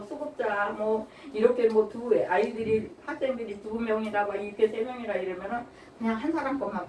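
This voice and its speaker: A woman pastor giving a conversational sermon. She often turns to the congregation with a quick question, and she acts out pleading quotes in a raised voice. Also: fairly high pitch. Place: church hall. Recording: roomy church from a distant mic with faint hiss.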